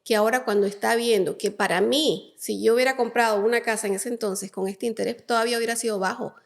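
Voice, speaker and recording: A woman's voice: fairly high pitch, fairly even intonation, fast talker, vocal fry. A woman hosting a podcast, interviewing a guest in a friendly, chatty way. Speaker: podcast host. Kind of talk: casual interview.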